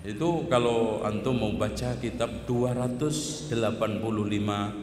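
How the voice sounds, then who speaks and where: Male preacher, animated lecture voice, echoey hall recording with faint room noise. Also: fairly low pitch, unhurried. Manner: lively, acts out teacher and pupil dialogue. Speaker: Islamic teacher. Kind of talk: religious lecture on child education.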